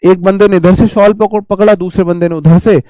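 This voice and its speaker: A man giving a casual online vocabulary lesson, repeating key phrases and leaning on everyday examples. His voice sits a little high for a man yet sounds dark and mellow. The recording is dry and close, with no room sound. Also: fairly even intonation, a little fast, no room sound. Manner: addresses viewers as "my brother". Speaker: vocabulary teacher. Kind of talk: online exam-prep class.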